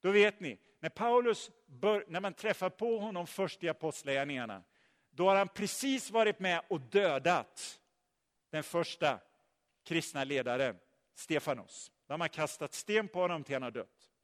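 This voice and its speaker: A man preaching a sermon, telling the story in a lively way and putting questions to his listeners. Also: a little high. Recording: long hall reverb.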